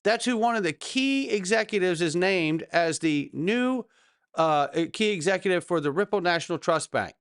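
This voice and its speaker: A man with a fairly high, very clean and resonant voice delivers market commentary as a crypto bro host. He is emphatic and salesy, often putting rhetorical questions straight to his audience. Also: expressive, moderate pace, clean tone, no echo, studio quality. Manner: crypto bro hype talk. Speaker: host of a cryptocurrency news show. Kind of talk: hype-driven market commentary to viewers.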